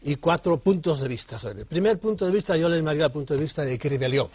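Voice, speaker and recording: A man's voice: a little high, animated, fast talker, a little mellow, breathy edge, no echo. A man speaking as a panel guest in a studio debate, laying out his points emphatically.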